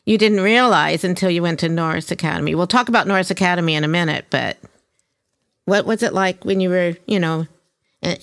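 Enthusiastic chatty woman podcast host. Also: lowish voice. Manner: enthusiastic, chatty, laughs often. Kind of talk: casual interview.

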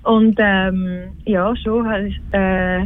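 Frau am blechernen Telefon, stockend. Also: female voice, mid-range voice, fairly even intonation, very slow. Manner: hesitant, searching for words, many restarts. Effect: thin telephone line. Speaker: guest connected live by phone. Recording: tinny phone line, dry.

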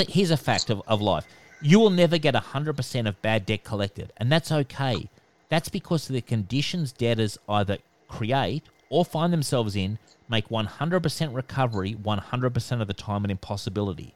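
A man with a nasal voice, a debt collection expert giving calm, instructive answers in a podcast interview. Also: medium pitch. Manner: calm, instructive, repeats "okay".

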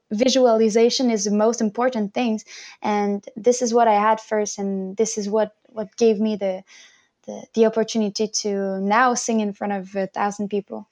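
Young woman speaking careful second-language English, higher voice. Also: a little mellow. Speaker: interview guest, singer and violinist. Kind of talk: personal storytelling in an interview.

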